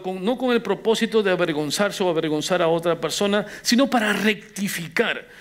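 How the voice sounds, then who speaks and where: A man preaching a sermon, questioning the congregation directly and pressing his points with earnest emphasis. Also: high voice. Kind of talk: Spanish-language sermon. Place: church.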